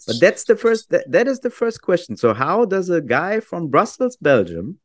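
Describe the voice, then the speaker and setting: A man whose first language is German, co-hosting a podcast in English, asking friendly, measured questions. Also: high-pitched, big pitch swings, dry recording. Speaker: podcast co-host. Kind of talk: casual interview chat.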